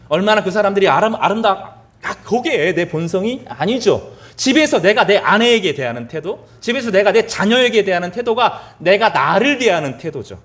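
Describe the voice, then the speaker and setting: Male pastor, sermon delivery, high and lively pitch, rhetorical questions, repeats key words. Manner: asks the congregation questions and answers them himself.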